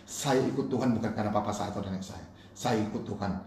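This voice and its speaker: Fast-talking male pastor preaching in an echoey room. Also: slight background noise. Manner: swings from quiet storytelling to loud high-pitched preaching; addresses the congregation as brothers and sisters. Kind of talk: sermon with personal testimony. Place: church.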